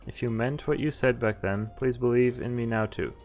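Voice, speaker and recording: Reading a visual novel's text aloud on stream, this man has a medium-pitched, slightly mellow voice with a steady tone at normal speed. Now and then he trips over words and goes back to reread them, while game music plays in the background.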